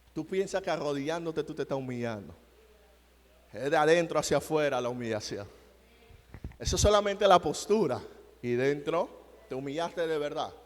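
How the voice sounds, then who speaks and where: Fervent male preacher in a reverberant hall. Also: fairly high pitch. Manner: swings from quiet to loud emphatic cries. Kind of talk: sermon.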